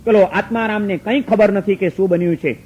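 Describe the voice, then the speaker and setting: A man's voice: high voice, fairly even intonation, fast talker, darkish tone, muffled recording. A male preacher telling a moral story in a sermon, emphatic and repetitive, with rhetorical questions.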